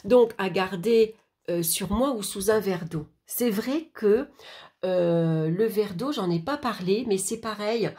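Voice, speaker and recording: A woman's voice: mid-range voice, slow pace, dark tone. A woman from France casually explaining an oracle card reading, hesitant and chatty, talking straight to the viewer. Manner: hesitant, many fillers and restarts, addresses viewer directly.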